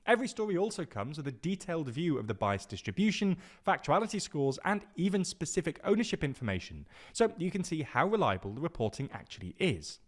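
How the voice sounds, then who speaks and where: Lively man reading an ad. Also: fairly high pitch, fast, few pauses. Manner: upbeat, salesy. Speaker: ad narrator. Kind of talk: scripted ad read.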